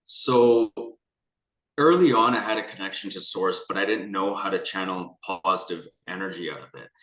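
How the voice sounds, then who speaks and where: Young adult male from Canada, lowish bright voice, earnest rambling storyteller, echoey room. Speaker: guest. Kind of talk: candid personal conversation.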